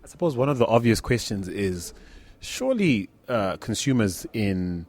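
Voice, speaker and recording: A man hosting an interview, asking questions in a lively, upbeat way. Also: on the low side, normal speed. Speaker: interviewer host. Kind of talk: interview chat.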